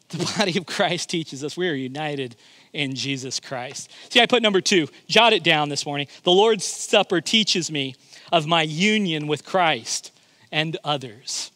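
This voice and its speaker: A man's voice: on the high side, unhurried, pushed and bright, dry recording. A male pastor preaching a sermon, emphatic and often repeating his words as he begins a thought.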